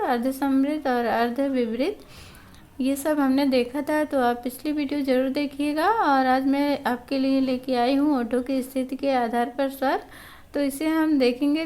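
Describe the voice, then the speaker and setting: Woman, high-pitched, patient teacher, online grammar lesson, repeats definitions, stretches example sounds. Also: a little mellow.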